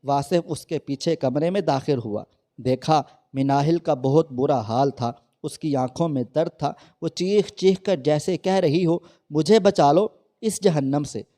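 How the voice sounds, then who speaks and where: A man's voice: on the high side, measured pace, mellow. A man narrating a sad moral story with emotive, mournful delivery.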